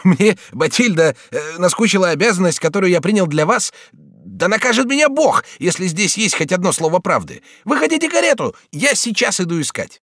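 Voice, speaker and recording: A man voicing a devoted, anxious young man in an audiobook, pleading and excited. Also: a little high, moderate pace, dry recording, clean studio sound, pitched above the performer's own voice.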